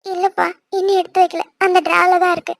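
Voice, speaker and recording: A woman's voice: extremely high pitch, completely flat delivery, quick pace, gravelly, no room sound. A woman voicing a young bride and elder sister, bossy with her brother and tender toward her father. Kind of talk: cartoon voice acting.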